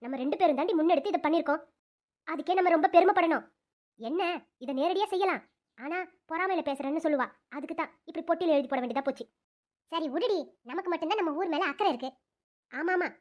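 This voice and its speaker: A woman voicing two scheming village women in a cartoon, chatting quietly and smugly. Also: very high voice, quick pace, long pauses. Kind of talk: cartoon dubbing.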